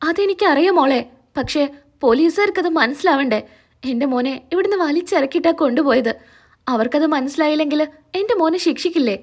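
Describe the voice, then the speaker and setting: A distraught, pleading mother insists her son has done nothing wrong, voiced by a woman reading the scene. Her voice is high and urgent. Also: lively intonation, a little fast. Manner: pleading, despairing.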